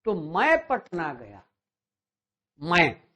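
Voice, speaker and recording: A man teaching a grammar lesson, slowly repeating and drawing out words. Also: high-pitched, huge pitch swings, bright, forceful tone. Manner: slow, repeats words and stretches them out. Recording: dull lo-fi sound.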